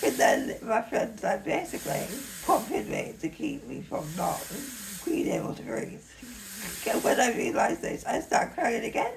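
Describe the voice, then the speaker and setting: A woman's voice: a little high, huge pitch swings, unhurried, gravelly, a crowd in the background, rough recording. A young woman from Leeds, telling a personal story in a chatty vlog, full of "like" fillers. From Leeds, England. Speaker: vlogger. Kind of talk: casual storytime.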